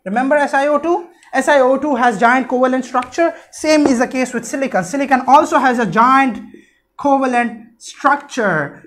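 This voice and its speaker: A man's voice: very high voice, moderate pace, a bit bright. A young man lecturing as a teacher, emphatic and repetitive, often posing questions and answering them. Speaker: chemistry teacher. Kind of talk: explanatory classroom lecture at a whiteboard. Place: indoor room, standing at a whiteboard.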